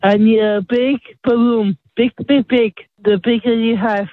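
A man's voice: very high-pitched, fairly even intonation, unhurried, no echo. A man playing a fake Chinese president in a silly prank call voice, with a put-on Chinese accent and broken English. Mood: eager, blunt. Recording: tinny phone-line radio recording.

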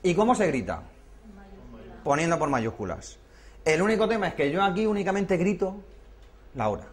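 A man's voice: sits high, sing-song, moderate pace. A man teaching a hands-on workshop class, explaining step by step and often checking in with his listeners. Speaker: workshop instructor.

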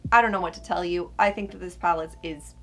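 A woman's voice: lowish voice, fairly even intonation, quick pace. Young woman with a whistling s, casual chat. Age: young adult. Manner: emphatic, casually sweary. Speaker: beauty vlogger. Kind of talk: casual chat to camera, product ranking. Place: small furnished room indoors.

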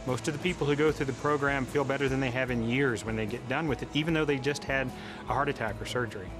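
A man's voice: mid-range voice, fast talker, over music. A male clinician speaks confidently and matter-of-factly about rehab outcomes in an interview in an indoor gym, on a lapel mic. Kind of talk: documentary interview.

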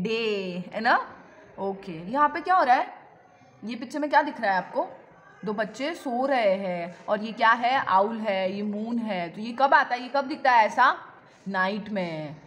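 Woman, kindergarten teacher, high voice, bright tone, sing-song repetition. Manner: slow, drawn-out sing-song repetition for small children. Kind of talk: children's lesson with questions and answers.

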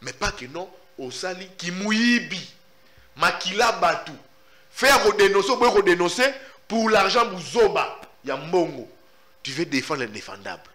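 A Congolese-accented man answers in an interview, speaking emphatically and repeating himself as he insists on his point. His voice sits a little high and swings widely in pitch. The tone is bright and forceful. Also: animated, moderate pace. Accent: Congolese French. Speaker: journalist, interviewee. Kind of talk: animated interview answers, mixing in Lingala.

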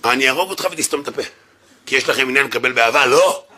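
A man's voice: mid-range voice, bright, forceful tone, a little hiss or hum. A man voicing a menacing, mocking male driver who sneers out threats. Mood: sneering.

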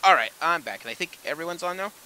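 A man's voice: on the high side, lively intonation, fast talker, sharp tone, a little hiss or hum. A man leading a casual gaming session, chatting in a self-deprecating way and breaking into laughs. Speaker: game player leading the session.

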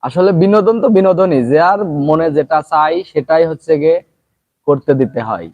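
A Bangladeshi man with a Pabna accent who hosts his own channel, singing a folk song loudly and then chatting quickly and casually with his viewers. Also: animated. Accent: Pabna Bengali. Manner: sings a folk song in a high strained voice, then chats quickly. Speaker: channel host. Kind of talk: casual live chat with singing.

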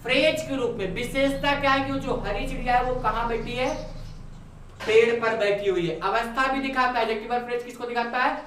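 A young adult man teaches English grammar at a whiteboard, posing rhetorical questions and answering them himself. His voice is extremely high and a bit bright. A distant camera captures him off-mic in an echoey room, with a little hiss or hum.

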